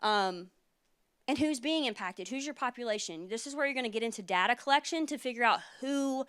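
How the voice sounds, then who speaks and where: A woman in her thirties, a military lawyer, giving an earnest conference presentation with frequent fillers, her voice a little hoarse. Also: a little high, brisk, fairly bright tone. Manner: earnest, explanatory, many fillers. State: losing her voice.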